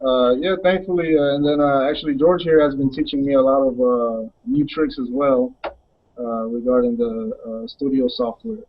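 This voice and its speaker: A young adult music producer from the Dominican Republic answers interview questions haltingly, using lots of fillers. His voice is medium-pitched, and the audio sounds dull.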